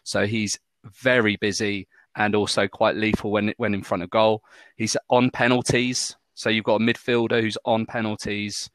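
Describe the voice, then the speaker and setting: A man with a Maltese accent talks in a casual podcast style about football. His voice sits fairly low, and the sound is dry and close. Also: flat delivery, normal speed, a bit bright, no room sound. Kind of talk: casual fantasy football chat.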